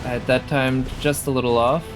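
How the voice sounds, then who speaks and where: Brisk and level in tone, this medium-pitched man provides casual live video game commentary, musing aloud and often questioning what's on screen. The game's music plays loudly in the background.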